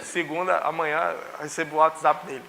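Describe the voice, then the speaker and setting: A young man preaches a sermon. His voice sits high and rings with a bright, forceful edge. He tells stories by acting out the dialogue of his family members. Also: level tone, fairly quick, creaky. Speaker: pastor. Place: church.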